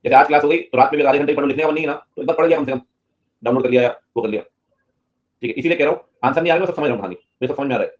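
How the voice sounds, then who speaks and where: A man's voice: medium pitch, rapid-fire, dull audio. A man teaching a live online class, joking and teasing his students between points.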